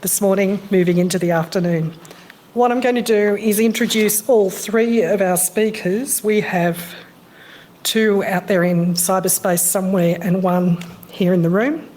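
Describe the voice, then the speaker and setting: A woman chairing a conference session and introducing speakers in a chatty way, a little hoarse as she is losing her voice. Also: medium pitch, fairly even intonation, measured pace, darkish tone, slight background noise. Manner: chatty, with fillers. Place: conference room.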